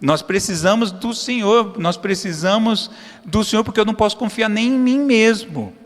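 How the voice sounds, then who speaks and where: A man preaching a sermon as pastor. He swings between loud, high emphasis and low, quiet asides, and acts out short prayers in a familiar tone. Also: normal speed. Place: church hall. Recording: long hall reverb.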